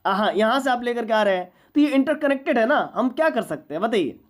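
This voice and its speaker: A woman's voice: fairly high pitch, animated, quick pace. A woman teaching a university maths class, lecturing patiently and often asking whether students follow. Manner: patient, checks understanding often.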